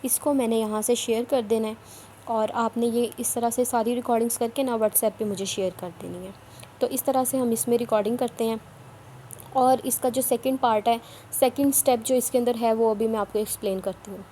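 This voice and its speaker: Woman with a mellow voice giving app instructions. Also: fairly high pitch, fairly even intonation, a little fast, slight background noise. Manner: repetitive, instructive, a bit scolding. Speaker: online work trainer. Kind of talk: screen-recorded tutorial.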